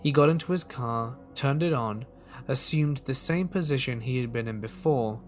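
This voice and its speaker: A man telling a first-person horror story in a calm, steady reading voice. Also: medium pitch, moderate pace, faint music behind. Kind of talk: scripted horror story narration.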